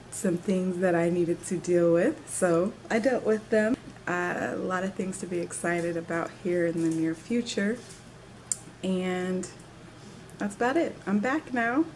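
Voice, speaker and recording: A woman's voice: medium pitch, a little hiss or hum. A young adult woman chatting casually to camera in her living room, bubbly and laughing often between phrases. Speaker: vlogger. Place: living room at home, indoors.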